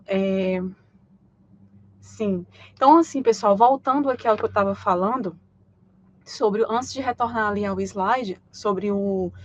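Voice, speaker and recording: A woman's voice: fairly high pitch, muffled recording. A Brazilian woman hosting a live stream, explaining her points with frequent hesitations and restarts. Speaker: host.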